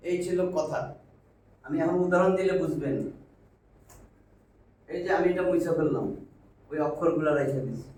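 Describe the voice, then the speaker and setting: A man's voice: on the high side, moderate pace, long pauses, darkish tone, a little hiss or hum. A man teaching a Quran reading class. He speaks, talks patiently, repeats words and keeps asking if the class understands. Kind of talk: classroom lesson at a whiteboard. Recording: echoey room, mic far off.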